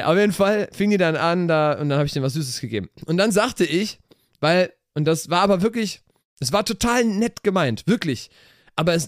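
Animated storytelling man, dry close mic. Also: high-pitched, no room sound. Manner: animated storyteller acting out quoted dialogue. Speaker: podcast co-host. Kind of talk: casual chat.

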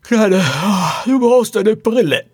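A man's voice: sits high, takes it slowly, dark tone, voice pushed up, heavily acted. A man voicing a cold, stern woman who speaks in a curt way.

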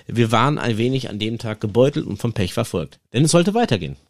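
A man's voice: medium pitch, fast. A man hosting a fishing podcast, casually retelling a night of angling and acting out the dialogue with his friend. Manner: lively anecdotal retelling, acts out dialogue. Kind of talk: casual storytelling to listeners.

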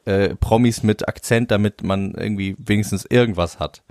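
A man's voice: fairly low pitch, normal speed, darkish tone, dry recording, studio quality. A man bantering casually as a podcast co-host, with a wry, tongue-in-cheek way of talking.

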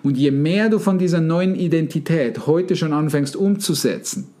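A man hosts a podcast in a casual coaching style, stringing together rhetorical questions for his listeners. His voice sits a little high for a man yet sounds dark and mellow. He addresses the audience affectionately. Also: expressive, moderate pace. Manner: addresses listeners warmly as "ihr Lieben". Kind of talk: casual podcast talk on mindset.

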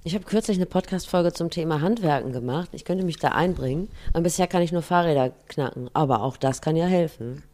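A woman's voice: low-pitched, brisk, hardly any pauses, darkish tone. A woman co-hosting a casual podcast, teasing her partner and prodding him with questions. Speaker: podcast co-host. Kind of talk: casual chat.

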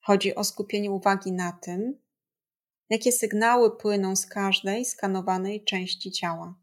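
A woman guiding a body scan meditation in a gentle, calm, soothing and measured way, leaving long pauses. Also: mid-range voice. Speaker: meditation guide.

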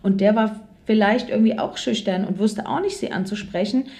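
A woman's voice: mid-range voice, fairly quick, warm tone. A woman co-hosting a podcast in casual conversation, telling personal stories with frequent tag questions. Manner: chatty storyteller, frequent "ne?" and "so" tags. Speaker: podcast co-host.

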